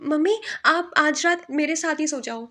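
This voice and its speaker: A woman's voice: high-pitched, unhurried, pushed and bright. A woman voicing a frightened eighteen-year-old girl in a spoken horror story, anxious and full of questions. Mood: scared. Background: music.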